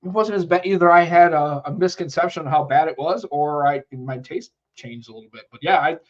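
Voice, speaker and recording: Congested from a cold, an American man co-hosting a live tech podcast talks a little high and fairly quickly. He chats and rambles, reading comments from the chat, over muffled audio.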